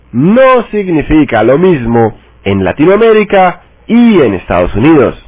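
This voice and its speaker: A man reading a political text aloud, slowly and deliberately, saying every quotation mark out loud. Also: a little high, no echo. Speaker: reader. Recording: dry tinny phone-like sound.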